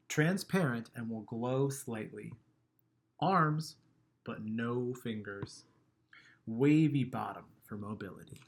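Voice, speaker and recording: Gently and expressively, a medium-pitched man reads from a kids' picture book, his line endings fading softly. He laughs quietly at the humorous moments.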